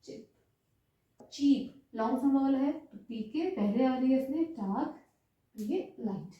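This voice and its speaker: A woman teaching stenography in a slow, step-by-step lesson, stretching out vowel sounds to demonstrate them. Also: sits high, lively intonation. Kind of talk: slow step-by-step lesson, mixing English terms. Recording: roomy, distant, muffled sound.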